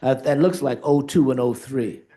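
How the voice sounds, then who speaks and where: Man running a hearing, mellow dark voice, mid pitch, bossy procedural instructions. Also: moderate pace. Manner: directive, interrupting. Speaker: board chair running a hearing.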